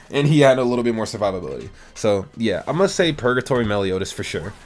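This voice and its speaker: In a casual Q&A to camera, a man in his 20s who runs a gaming YouTube channel rambles through viewer questions about a mobile game in a relaxed, slangy way. He talks fast at a medium pitch with a sing-song lilt.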